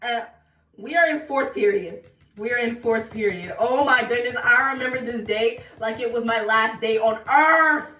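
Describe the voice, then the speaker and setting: A woman's voice: on the high side, fairly bright tone, recorded from a distance, slight background noise. Chatty young woman, roomy echo. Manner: chatty, dramatic, slangy, breaks into sing-song bits. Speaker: vlogger. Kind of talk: casual storytime while getting ready. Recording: roomy echo, voice a bit off-mic.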